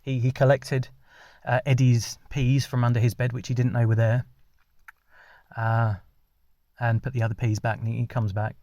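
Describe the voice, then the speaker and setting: A man, telling an ad-libbed comic story in a rambling, deadpan way with many restarts. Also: medium pitch, moderate pace, no echo, studio quality.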